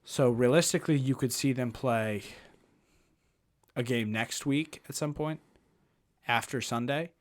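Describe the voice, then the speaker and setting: A man's voice: medium pitch, unhurried, pauses often. A man hosting a casual sports podcast, joking with his co-hosts as he leads the segment. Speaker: podcast host.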